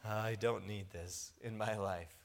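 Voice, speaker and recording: A man's voice: on the low side, fairly even intonation, slow pace, creaky, pitched below the performer's own voice. A preacher acting out a weary, exasperated male leader who complains about the people he leads. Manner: complaining, sarcastic.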